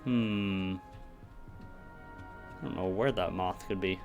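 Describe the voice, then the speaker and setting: A man with a low, very creaky voice comments casually on a video game he is playing. He mutters reactions to himself and reads in-game text out loud, with music playing behind him. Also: takes it slowly.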